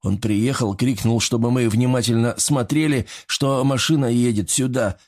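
A man voicing a wounded male radio operator who explains things in a hurried, anxious way, in an audiobook. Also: medium pitch, fairly even intonation, a little mellow, pitched above the performer's own voice, lightly acted.

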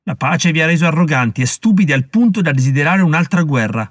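A man's voice: on the high side, animated, fast talker, dry recording, studio quality, pitched above the performer's own voice. A man voicing a stern, haughty colonial official who lectures and threatens with scorn in an audiobook reading. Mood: furious.

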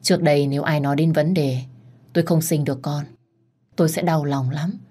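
A woman's voice: fairly even intonation, fairly quick, dark tone, slightly rough. A woman narrating a first-person family drama story, voicing each character's quarrel lines herself. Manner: low voice, rises sharply for quarrel lines. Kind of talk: first-person story reading with voiced dialogue.

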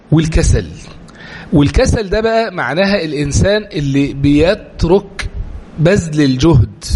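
Fast-talking Egyptian religious lecturer. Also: male voice, on the high side, husky. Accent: Egyptian Arabic. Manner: animated, rhetorical questions, explanatory. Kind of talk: lecture to a live class.

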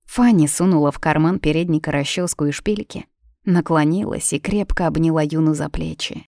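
A woman narrating a fairy tale in a calm, even storytelling manner. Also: sits low, normal speed, gravelly, dry recording, clean studio sound.

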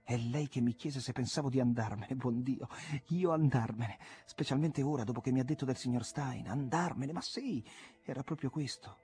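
A man's voice: medium pitch, very animated, normal speed, darkish tone, slightly rough, pitched above the performer's own voice. A man voicing an earnest, proud young man whose speech climbs into urgent, pleading outbursts in an audiobook reading.

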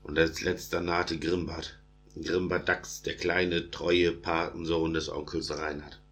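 A man narrating an animal fable in verse, reading in a steady, chanting rhythm. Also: deep voice, takes it slowly.

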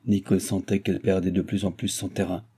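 A man narrating a novel aloud in a calm, measured way. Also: low voice, slightly rough. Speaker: audiobook reader.

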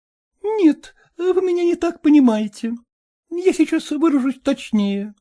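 A man doing a frank young woman who coaxes and insists, her mellow voice swinging up and down. She talks briskly and plainly, pressing her point in a storybook reading. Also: very high-pitched, animated, voice pushed up. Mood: insistent. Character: lively, frank young woman setting terms.

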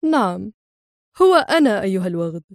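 A woman voicing a calm, mocking male secret agent with dry sarcasm. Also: medium pitch, fairly quick, dry recording.

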